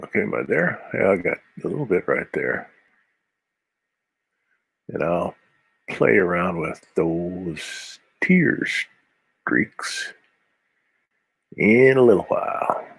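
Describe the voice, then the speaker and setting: Speaking slowly with long pauses, this Midwestern American comic artist mutters to himself between strokes and rambles in asides during casual live-stream commentary while drawing. His low, husky voice swings widely in pitch, carries vocal fry, and has no echo.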